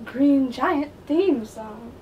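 A woman's voice: sits high, expressive, drawn-out words, distant mic, dull audio, a little hiss or hum, heavily acted. A woman playing a bossy, jolly male giant in a homemade comedy skit, coaching with impatient, coaxing remarks. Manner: impatient, coaxing teacher, laughing at mistakes.

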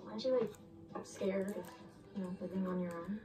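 A woman's voice: medium pitch, steady tone, fairly quick, roomy sound, recorded from a distance, lightly acted. An actress playing a playful young woman who teases her friend in a TV drama. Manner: teasing, playful. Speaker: character in a TV drama. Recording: TV audio with music, heard from across a room.

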